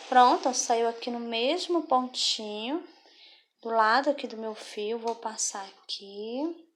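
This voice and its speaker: A woman with a slightly high voice teaches a craft step by step. She talks patiently and keeps checking in with the viewer as she goes. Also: slow pace. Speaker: craft instructor.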